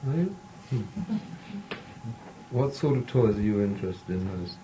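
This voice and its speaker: Lively, coaxing male host. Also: fairly low pitch, unhurried, slight background noise, low-quality recording. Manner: coaxing, asking question after question. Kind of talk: casual chat.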